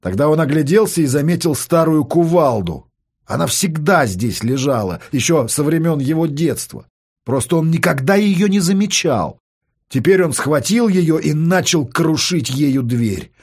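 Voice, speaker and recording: A man narrating an audiobook story with a husky, slightly high voice. His delivery is steady and dramatic, and his pitch moves lively through each sentence. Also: normal speed.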